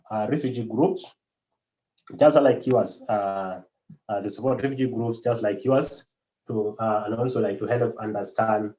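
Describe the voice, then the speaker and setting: A man's voice: fairly low pitch, mellow, echoey room, low-quality recording. A man facilitating an online workshop, speaking with frequent hesitations and fillers.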